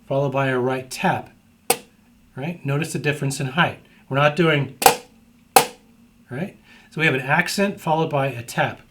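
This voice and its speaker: A man's voice: mid-range voice, very noisy. Man explaining drum technique, checking in often. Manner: explanatory, repeatedly checks in with "right?". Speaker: drum instructor. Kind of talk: instructional drum lesson.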